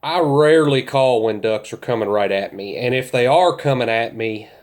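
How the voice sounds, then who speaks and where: A man's voice: mid-range voice, normal speed. A man gives informal instruction in a plain-spoken, folksy way as an experienced outdoorsman. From central Kentucky, United States. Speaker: duck hunter teaching calling techniques.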